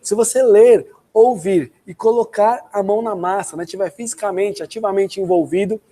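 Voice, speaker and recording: High-voiced man in his forties, teaching English online, slows for the examples. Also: mellow. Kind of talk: online language lesson.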